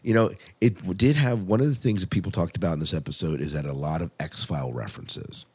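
Speaking fast in a low, slightly rough voice, this man hosts a podcast. His TV review chat is casual and eager, the talk of a real fan.

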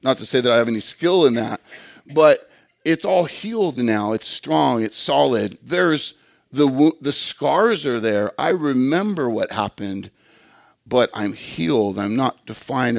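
A man's voice: mid-range voice, animated, a little slow, creaky, no echo. A man preaching a sermon in an earnest, conversational way, often repeating words as he goes. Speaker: pastor.

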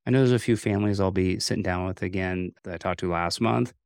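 A man's voice: sits low, quick pace, creaky, a little mellow, dry recording, clean studio sound. An American man hosting a podcast, chatting casually with a guest. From United States. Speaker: podcast host. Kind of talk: casual interview chat.

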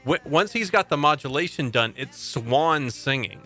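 Man, podcast talk, eager film commentary, bright voice, faint background music. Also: a little high, lively intonation, normal speed. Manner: enthusiastic film commentary, hums rhythms aloud. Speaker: podcast co-host. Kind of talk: casual chat.

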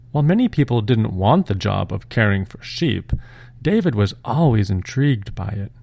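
A man hosting and gently reading a scripted story aloud at a measured pace. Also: lowish voice, gravelly, no room sound. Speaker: storyteller and podcast host.

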